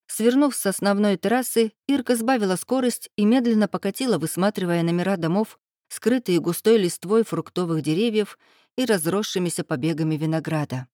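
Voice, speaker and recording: Audiobook narrator, female, mid-pitched, dry booth sound, reads lively and lifts her voice for dialogue. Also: a little fast, no echo. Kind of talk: scripted narration with character voices.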